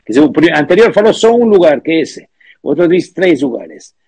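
A man teaching a religious text lesson, reading out source phrases and explaining them with halting restarts. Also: on the high side, big pitch swings, darkish tone, slightly rough, dry recording.

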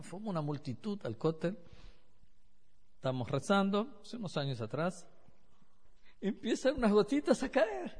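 A middle-aged man with an Argentine accent preaches by way of anecdotes and slips into the voices of the people in them. His voice sits a little high and swings freely up and down. The sound carries a long echo, as in a hall. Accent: Argentine Spanish. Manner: storytelling, acts out quoted voices. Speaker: rabbi. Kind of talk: sermon with anecdotes.

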